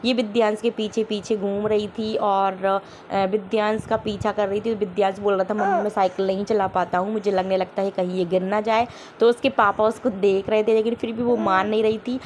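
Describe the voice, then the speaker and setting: A woman's voice: medium pitch, level tone, brisk, hardly any pauses, a little mellow, a little hiss or hum. A young woman and mother narrating her family vlog in a homely, chatty voice-over, full of small fillers and restarts.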